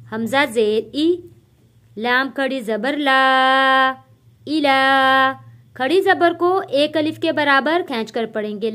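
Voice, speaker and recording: A woman teaching Quran reading, spelling out Arabic syllables letter by letter, drawing the sounds out slowly and then adding quick explanations. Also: high-pitched, bright, forceful tone, clean tone. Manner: slow drawn-out recitation with quick explanations.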